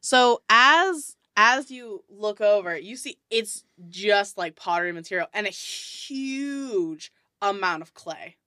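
A woman's voice: medium pitch, animated, slow, sharp tone, smooth, no room sound, clean studio sound. A woman narrating a tabletop game as game master, casual and hesitant with fillers.

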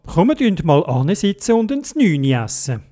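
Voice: mid-range voice, big pitch swings, moderate pace, dark tone, lightly acted. A storyteller voicing Theobald, a brave, cheerful boy who urges his friend on, in a Swiss German accent. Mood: plucky. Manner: plucky, encouraging.

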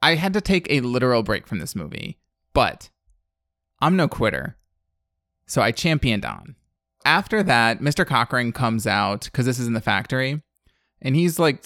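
A man in his thirties with a medium-pitched, slightly bright voice hosts a podcast, recorded dry at studio quality. He recaps a film in casual, blunt and sarcastic chat, with plenty of fillers.

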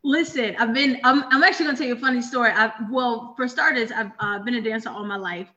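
Bright chatty woman, lo-fi audio. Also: on the high side, quick pace. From Richmond, Virginia. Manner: chatty, animated storytelling with fillers. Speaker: interview guest. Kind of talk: casual interview chat. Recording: dull lo-fi audio.

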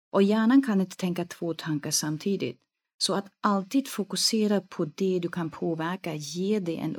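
A woman's voice: lowish voice, darkish tone, slightly rough. A woman from East Germany, a guest expert in a podcast conversation, who talks with animation and acts out inner voices as she explains.

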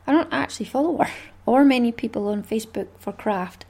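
A woman's voice: fairly high pitch, a little fast, vocal fry, dark tone. A Scottish woman hosting a craft podcast, talking in a chatty, rambling way with small laughs. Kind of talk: casual solo podcast chat.

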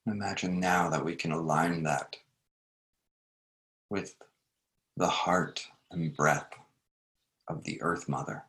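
A man leading a guided meditation, speaking gently in short phrases with long unhurried pauses. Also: sits low, fairly even intonation.

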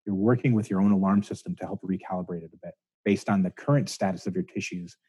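A man's voice: low-pitched, fast, dark tone, husky, no room sound. A man, a chiropractor guest on an interview podcast, explaining ideas at length in a thoughtful, hedging way. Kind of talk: casual interview talk.

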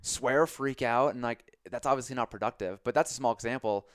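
A man co-hosting a podcast, chatting casually and telling stories with lively shifts of voice. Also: brisk, smooth, dry recording, studio quality. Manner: animated storyteller, jumps into high voices for quotes. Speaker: podcast co-host; coach.

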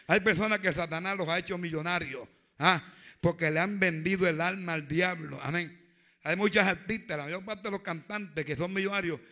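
High, bright preacher man. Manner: fervent, swings between hushed and loud. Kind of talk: sermon.

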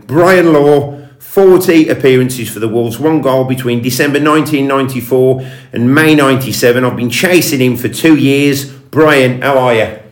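Male interviewer, mid-pitched, conversational podcast hosting, recorded with noticeable room echo. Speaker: podcast host. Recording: roomy, echoey sound.

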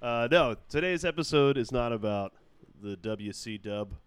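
A man's voice: medium pitch, lively intonation, moderate pace, clean tone, dry recording. A man hosting a casual podcast chat, joking, rambling and laughing often. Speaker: podcast host.

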